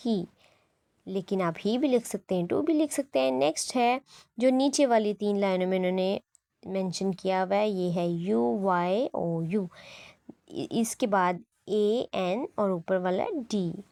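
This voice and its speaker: Gravelly Pakistani woman teaching an English lesson. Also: medium pitch, a little mellow, dry recording. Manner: reads English instructions slowly, then explains in Urdu-Hindi; spells words out letter by letter. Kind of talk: textbook exercise lesson.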